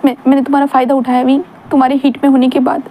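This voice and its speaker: Woman doing a guilty, halting grown man. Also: high-pitched, flat delivery, mellow, a little hiss or hum. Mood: remorseful. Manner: halting, repeated apologies.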